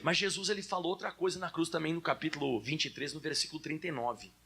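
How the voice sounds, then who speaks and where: A man's voice: a little high, steady tone, fast, creaky, bright, forceful tone, slight background noise. A Brazilian man preaching a sermon in a conversational way, speaking straight to his congregation. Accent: Brazilian Portuguese.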